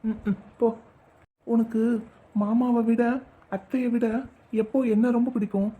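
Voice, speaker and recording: A woman's voice: a little high, little pitch movement, unhurried, warm tone, slightly rough. A woman voicing a moody but kind teenage village boy in a cartoon. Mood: gentle.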